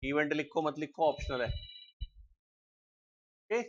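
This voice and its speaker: A man teaching a live programming class, explaining step by step and often asking students quick check questions. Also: a little high, steady tone, lo-fi sound. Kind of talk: live classroom coding lecture.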